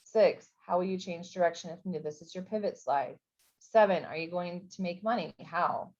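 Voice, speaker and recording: A woman's voice: lowish voice, moderate pace, a little mellow. A woman running a recorded info session, talking casually with many fillers and restarts. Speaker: program coordinator. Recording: dull, lo-fi recording.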